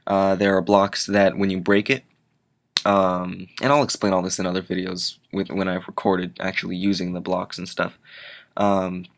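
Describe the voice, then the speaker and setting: A man's voice: low-pitched, little pitch movement, normal speed. A tired young man giving casual gameplay commentary, rambling and drifting off on tangents. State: tired, yawning. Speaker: gaming channel host.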